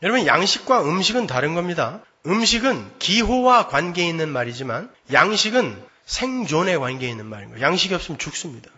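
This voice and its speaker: A man's voice: on the high side, very animated, brisk, hardly any pauses, bright, forceful tone, husky. Emphatic man preaching in an echoing hall. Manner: emphatic, rhetorical questions to the congregation. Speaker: pastor. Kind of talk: sermon. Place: church sanctuary. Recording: reverberant church hall, dull lo-fi sound.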